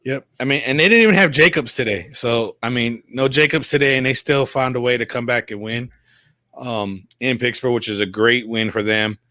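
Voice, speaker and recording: A man's voice: medium pitch, moderate pace, sharp tone, no echo. A man giving rambling, emphatic opinions in casual sports chat on a talk show.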